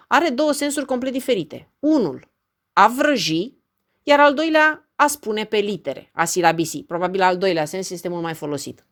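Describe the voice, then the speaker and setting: A woman teaching an online English lesson. She says English example sentences slowly and clearly, then translates them. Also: medium pitch, fairly bright tone.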